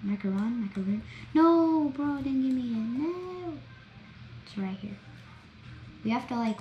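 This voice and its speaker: Chatty girl-voiced gamer in an echoey room. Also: mid-range voice. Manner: chatty, excitable, narrates each step. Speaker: gameplay vlogger. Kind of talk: gameplay commentary. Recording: roomy echo, faint background noise.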